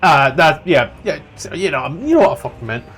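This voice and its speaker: A man's voice: fairly high pitch, sing-song, a little fast, a bit bright, breathy edge. A man running a tabletop game as game master, narrating casually with joking, profane asides. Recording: music playing behind. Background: background music.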